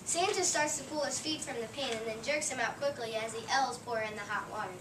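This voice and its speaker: A woman narrating, reading the stage directions of a play in a plain, steady voice. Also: on the high side, fairly quick. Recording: echoey room, distant mic, noise.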